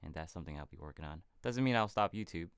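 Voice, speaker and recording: A man from California hosting a casual fitness livestream Q&A, answering viewer questions in a relaxed, rambling way. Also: low voice, fast talker, clean tone, no echo, studio quality. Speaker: fitness channel host.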